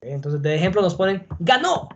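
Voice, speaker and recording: Patient guy teaching a class, warm mellow tone, muffled call sound with some hiss. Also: fairly high pitch. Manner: patient, explains slowly, checks with "¿ok?". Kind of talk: online class on Spanish punctuation.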